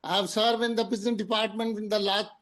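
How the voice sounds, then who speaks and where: A man's voice: sits high, flat delivery, a little fast, fairly bright tone. Pakistani-accented man, 60s, courteous retired officer, video call. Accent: Pakistani English. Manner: formal and courteous. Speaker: retired prison officer guest. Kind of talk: polite conversation.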